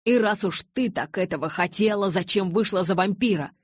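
A woman reading the lines of a hot-tempered, desperate young man in an audiobook, loud and insistent. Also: mid-range voice, a little fast, husky, no echo, close to an everyday voice. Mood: angry. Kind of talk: audiobook character voice.

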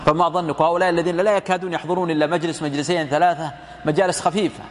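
A man's voice: on the high side, flat delivery, very fast, slight background noise. A man giving a lecture commentary on hadith as a religious teacher, explaining through rhetorical questions and retold dialogue.

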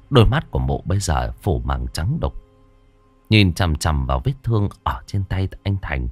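A man's voice: fairly low pitch, dry recording. Dramatic man narrating a horror tale. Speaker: audiobook narrator. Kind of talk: first-person horror story narration.

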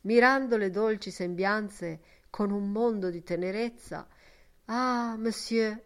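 A woman narrates a classic novel as an audiobook. Her reading is measured and expressive, with a middle-pitched voice. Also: clean tone.

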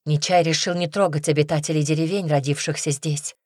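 A woman's voice: deep voice, steady tone, brisk, darkish tone, no room sound, clean studio sound. A woman narrator voicing a weary, grave mother explaining bad news in an audiobook. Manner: grave, sad.

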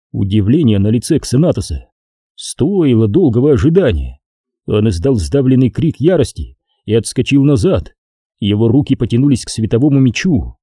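A man reading a novel aloud with steady, expressive storytelling. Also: medium pitch, breathy edge, dry recording, studio quality. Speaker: narrator. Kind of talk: audiobook narration.

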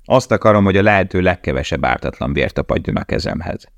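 A man voicing a grim, giant male prisoner forced into brutal work, speaking with loud, tense insistence. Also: deep voice, expressive, creaky, no echo.

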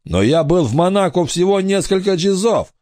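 Man doing a blustering pirate, high strained voice, threatening, dry close sound. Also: lively intonation, normal speed, mellow, no room sound. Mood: rattled. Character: boastful scared adult male pirate. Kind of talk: audiobook character voice.

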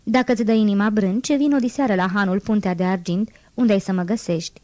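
Woman reader doing a hoarse pushy quack dentist guy, mellow tone, dry close sound. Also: medium pitch, no room sound, natural voice. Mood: hawking. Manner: brash, hawking. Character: loud charlatan street dentist, man, hoarse and pushy. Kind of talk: audiobook character reading.

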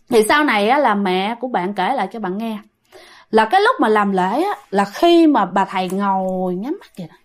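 A woman with a Southern Vietnamese accent telling a ghost story in a chatty way, often addressing her listeners. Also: fairly high pitch. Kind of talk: casual storytelling.

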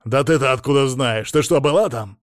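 A man reading an audiobook, voicing an irritable middle-aged man who grumbles and shouts in a gruff way. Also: mid-range voice, moderate pace, no room sound, clean studio sound, natural voice. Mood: shouting. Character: irritable middle-aged man, a suspected widower, quick to explode.

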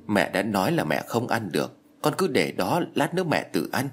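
A man's voice: on the low side, huge pitch swings, moderate pace, husky, heavily acted. A man voicing a frail old woman in her later years who pleads through tears in a storybook ghost tale. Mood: tearful. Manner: weepy, pleading.

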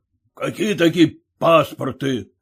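A man's voice: on the high side, full character voice. A man playing a bossy, boastful merchant. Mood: domineering. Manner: gruff, domineering, deliberate. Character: bossy boastful middle-aged male merchant.

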